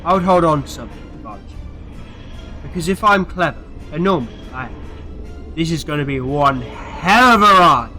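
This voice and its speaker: A man's voice: on the high side, expressive, moderate pace, bright, forceful tone, soft background music. A man playing an eccentric, clever alien time-traveller in a sci-fi audio drama, theatrical, playful and sure of himself. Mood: confident, playful. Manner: theatrical, playful, self-assured.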